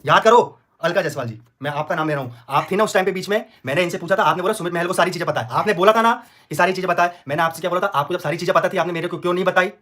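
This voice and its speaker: A man's voice: high-pitched, racing, fairly bright tone. A man arguing heatedly on a livestream, repeating himself, pleading and threatening in turns. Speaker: vlogger on a livestream.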